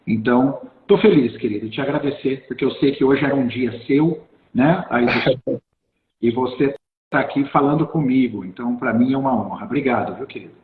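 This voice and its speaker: An effusive, enthusiastic man hosting a live online interview, often breaking off and restarting his sentences. His voice rings out in a roomy space with a long echo trailing behind it. His pitch sits in a middle range. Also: phone-quality sound. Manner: effusive, halting, many restarts. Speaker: host. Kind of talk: live video-call interview. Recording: roomy, echoey sound.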